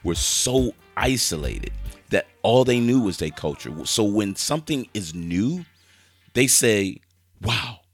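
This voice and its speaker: Middle-aged Bronx-raised male host, low voice with a very lively pitch, casual chat over faint music. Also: measured pace, husky, no room sound. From the Bronx, New York. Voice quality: expressive, interjects often.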